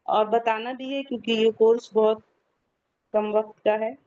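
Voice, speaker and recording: A woman's voice: fairly high pitch, level tone, dark tone, smooth. A woman teaching an online recitation class, patiently repeating key points for her students to memorize over a video call. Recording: dull lo-fi online call audio.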